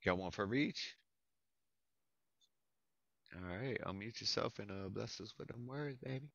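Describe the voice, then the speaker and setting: Speaking a little slowly with vocal fry, a Floridian man in his thirties runs an open mic on a video call, full of slang, swearing, and casual enthusiasm. His pitch is on the low side and his tone fairly bright, with no room sound. He's indoors at a computer wearing a headset, and the call audio is dull and lo-fi.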